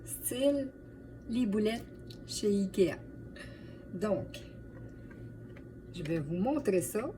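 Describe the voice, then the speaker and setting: A woman's voice: mid-range voice, dark tone. Quebec French woman, distant mic, chatty cook. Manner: chatty, addresses viewers as friends. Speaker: home cook and video host. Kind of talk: casual cooking demonstration vlog. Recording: distant mic, light background noise.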